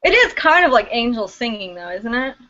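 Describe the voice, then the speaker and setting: Bright, high-voiced wisecracking woman. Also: very animated, brisk. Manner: wisecracking, laughs often. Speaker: podcast co-host. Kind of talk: casual drinking chat. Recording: dull lo-fi recording.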